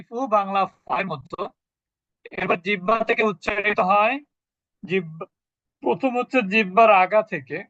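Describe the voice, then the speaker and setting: A man teaching a lesson on pronouncing Arabic letters, repeating syllables slowly in drills. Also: sits high, sharp tone, no echo, muffled recording.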